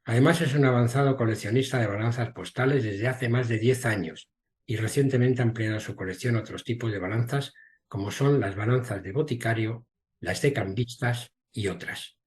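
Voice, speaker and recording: A man's voice: mid-range voice, normal speed, darkish tone. A man hosting an online lecture, formally reading out the speaker's introduction over a video call. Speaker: host. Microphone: video call mic.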